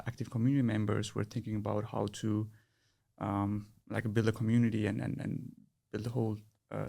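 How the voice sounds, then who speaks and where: Gravelly-voiced man from Nepal, hesitant. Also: on the low side, darkish tone. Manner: hesitant, many restarts and fillers. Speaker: podcast guest. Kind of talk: casual interview chat.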